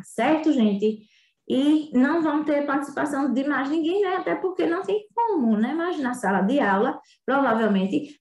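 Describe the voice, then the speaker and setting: A woman's voice: high-pitched, darkish tone. A woman teacher giving a remote reading lesson in a chatty way, full of tag questions. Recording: echoey room.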